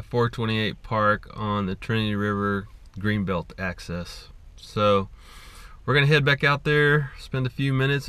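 A middle-aged man from Texas talking casually to camera from inside his car, relaxed and chatty with many fillers, recorded on a dashboard action camera. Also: on the low side, smooth, dry recording. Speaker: fly fishing vlogger. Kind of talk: casual vlog talk to camera.

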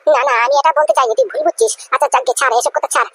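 A woman's voice: high voice, lively intonation, rapid-fire, a bit bright, no room sound. A woman voicing a scolding, nagging mother in a cartoon. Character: scolding older mother of a company family.

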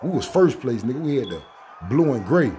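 A young man from Jacksonville, Florida, giving loud, excitable casual commentary on basketball clips, swearing a lot and breaking into shouts. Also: medium pitch, fairly quick.

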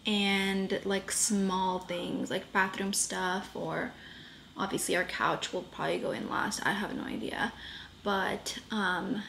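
A woman's voice: mid-range voice, flat delivery, slow, vocal fry, fairly bright tone, a little hiss or hum. A young woman talking casually to her camera in a vlog, chatty and rambling with fillers, at home and in her car. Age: young adult. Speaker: vlogger. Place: home kitchen, then inside a parked car.

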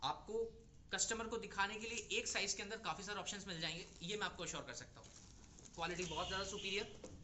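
A young man with a high-pitched, bright, forceful voice talks fast, showing garment stock to retail buyers in a clothing warehouse. As a wholesale seller, he delivers a persuasive, reassuring product pitch, and the recording has a little hiss or hum.

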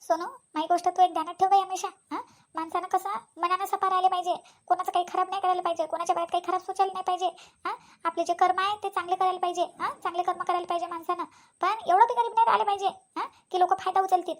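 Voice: very high-pitched, little pitch movement. A voice actor playing an older village aunt with a Vidarbha Marathi accent who gives firm, repetitive advice in a cartoon. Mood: advising. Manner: preachy, repeats points, fast. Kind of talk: cartoon voice acting.

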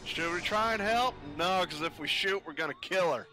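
A man's voice: high voice, normal speed, sharp tone, soft background music. A man bantering casually with friends as a fellow player in a game voice chat.

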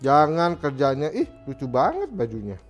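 A man chats casually on a livestream, reading viewer messages aloud and answering with joking, slangy advice. His voice sits a bit higher than most men's, and soft music plays faintly behind him. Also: huge pitch swings, normal speed.

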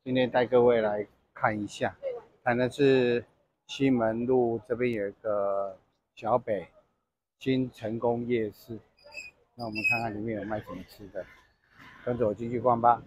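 A man's voice: mid-range voice, normal speed, slightly rough, dull audio. A man casually guiding viewers through an outdoor night market, explaining what is sold as he walks. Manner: relaxed, explanatory, inviting viewers along. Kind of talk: casual walking tour narration.

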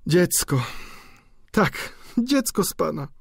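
A man's voice: sits high, sing-song, slow pace, vocal fry, breathy edge, dry recording, clean studio sound, voice pushed up, exaggerated voice. A man voicing a refined, proud young viscountess in an audiobook, with a composed manner. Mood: tender.

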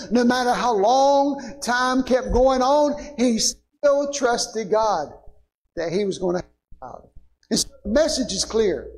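Male pastor, very high voice, unhurried sermon delivery, asks the congregation for amens. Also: a little mellow, poor audio. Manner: preaching with rising emphasis, calling "Amen?" to the congregation. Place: church sanctuary.

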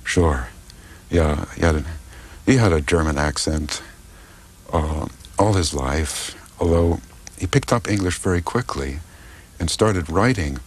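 Older man with a very deep voice. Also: unhurried, long pauses. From United States. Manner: thoughtful, hesitant, many fillers and restarts. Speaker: political philosopher and translator. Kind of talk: interview answers.

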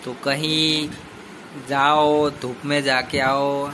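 Speaking very slowly in a fairly high voice with little pitch movement, a man in his thirties playfully teases and chats with his young son. It is a casual family vlog shot at home on a handheld phone held at arm's length, with clear background noise in the small indoor room.

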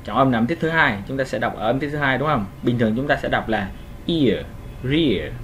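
Animated and a bit bright, a medium-pitched English pronunciation teacher leads a casual lesson. He's patient, says each sound slowly more than once, and regularly checks that listeners follow, over a faint background hiss.

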